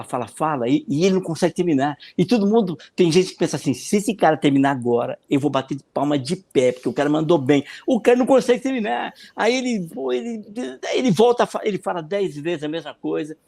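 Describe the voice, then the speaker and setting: A man with a Brazilian Portuguese accent, a consultant answering questions in a podcast interview. He explains in an animated way, often repeating words and acting out the voices of the people he quotes. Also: fairly high pitch, vocal fry. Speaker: political consultant and speaking coach.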